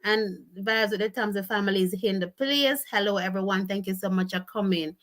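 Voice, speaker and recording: A woman's voice: mid-range voice, fairly quick. Jamaican woman, livestream host, chatty storyteller, patois mixed in, laughs a lot. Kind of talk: casual livestream chat, reading viewer comments.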